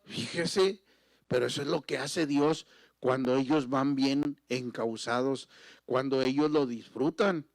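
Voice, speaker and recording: Middle-aged pastor, dramatic volume swings. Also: male voice, medium pitch, measured pace, gravelly, dry recording, studio quality. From Mexico. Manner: swings from loud exclamations to near-whispers. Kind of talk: emotional sermon storytelling.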